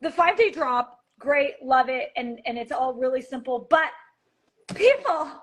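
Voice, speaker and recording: A woman hosting a casual live-stream chat, bubbly and chatty and quick to laugh. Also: high voice. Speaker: host of a live wellness chat.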